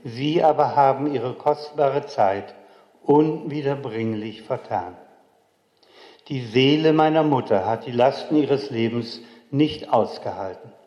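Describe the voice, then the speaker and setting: A man's voice: mid-range voice, a little slow, dark tone. An older man tells a childhood memory in a solemn, reflective way. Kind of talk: memoir storytelling. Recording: dull, echoey hall recording.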